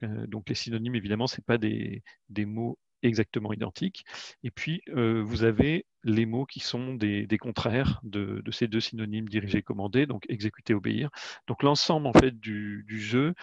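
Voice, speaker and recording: Hesitant man with a gravelly voice. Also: mid-range voice, no room sound. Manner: hesitant, frequent "euh" fillers and restarts. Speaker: educational game creator presenting. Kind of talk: webinar product presentation. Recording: dull lo-fi webinar audio, dry.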